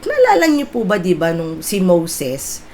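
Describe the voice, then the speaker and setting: Middle-aged lady pastor preaching taglish, chatty and lively, bit of a lower voice, faint hiss behind. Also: unhurried. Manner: lively, conversational, with tag questions. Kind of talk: Taglish sermon exhortation.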